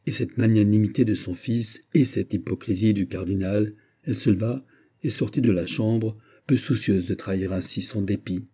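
A man narrating a classic novel in a measured, literary way. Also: on the low side, dark tone, breathy edge. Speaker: audiobook narrator.

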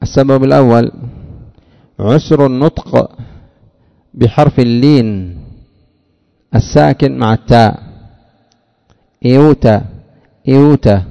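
A man teaching an Arabic grammar lesson, explaining step by step, asking rhetorical questions and drawling out example words slowly. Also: mid-range voice, gravelly, warm tone, big-room sound, dull audio. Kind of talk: classroom lecture on grammar.

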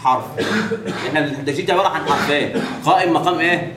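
A man with an Egyptian accent teaching Quran recitation to a class, asking questions again and again and drawing out the words he demonstrates slowly. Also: a little high, a loud crowd. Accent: Egyptian Arabic. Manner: quizzes the class with repeated questions and drawn-out recited examples. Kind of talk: classroom tajweed lesson. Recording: echoey room, mic at a distance, faint background hiss.

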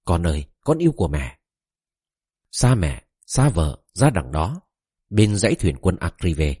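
A man's voice: sits low, very animated, unhurried, warm tone, slightly rough, no room sound, clean studio sound, heavily acted. A weeping queen mother, read by a man. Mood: tearful plea. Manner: pleading, tearful recitation. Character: weeping old queen mother begging her son.

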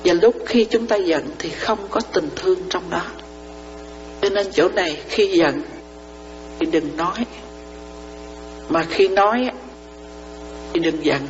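A woman's voice: on the low side, slow pace, long pauses. A woman, a Buddhist nun, giving a dharma talk to lay followers. She explains through parables and often asks whether her listeners understand. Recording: reverberant hall, dull lo-fi sound, faint mains hum.

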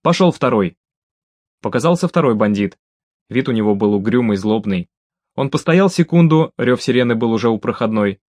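A man reading a crime story aloud as an audiobook, lifting his voice for the shouted dialogue. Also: expressive, moderate pace, no room sound. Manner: raises pitch and volume for shouted dialogue. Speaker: audiobook narrator.

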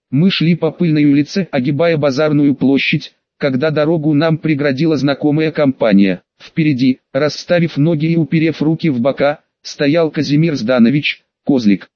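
A man reading a first-person audiobook in a steady, even storytelling manner. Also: on the high side, no room sound, dull audio. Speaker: audiobook narrator.

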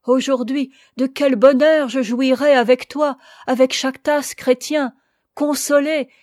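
A woman's voice: a little high, mellow, dry recording, clean studio sound. A woman reading the part of a passionate, despairing young woman in an audiobook, with an impassioned, pleading delivery.

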